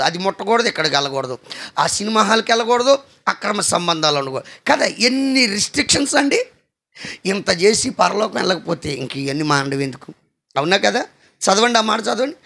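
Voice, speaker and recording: A male pastor preaching a sermon, telling stories with lively shouted emphasis and calling on the congregation to answer. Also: high-pitched, creaky. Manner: animated storytelling with shouted emphasis; asks the congregation to respond.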